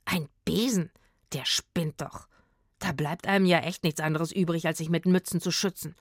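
A woman voicing Rufus, an excitable child in a children's audio story who speaks with outrage. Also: on the low side, moderate pace, no echo, clean studio sound, close to an everyday voice. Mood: incredulous.

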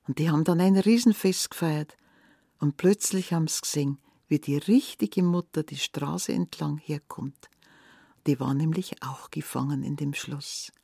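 A woman with a Bavarian accent telling a fairy tale aloud in a lively, conversational way. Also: sits low, normal speed, gravelly, slightly rough, dry recording, clean studio sound. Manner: lively, conversational, dialect words. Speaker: storyteller.

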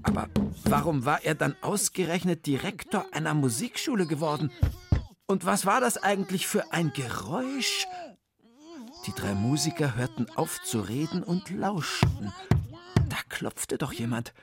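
A storyteller reading a children's story aloud in a lively, expressive way. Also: medium pitch, a little slow, over music.

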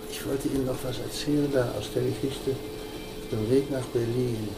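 An older man telling a personal story in an interview, halting, with many restarts and fillers. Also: medium pitch, fairly even intonation, background noise.

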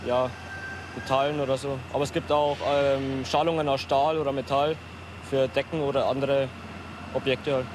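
A man's voice: medium pitch, little pitch movement, normal speed. A young man, an eighteen-year-old apprentice, explaining his work casually and a bit hesitantly. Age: young adult. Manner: hesitant, informal, with fillers. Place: industrial production hall. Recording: noisy factory hall.

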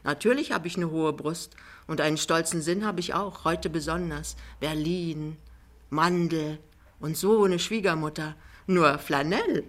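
A woman's voice: deep voice, a little slow. A woman reading an audiobook, voicing a cheerful, plain-spoken young wife from the country.

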